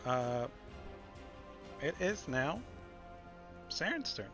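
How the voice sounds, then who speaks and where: A man's voice: medium pitch, sing-song, extremely slow. A man running a tabletop roleplaying game as game master, moving between rulings and dramatic description. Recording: faint music behind the voice.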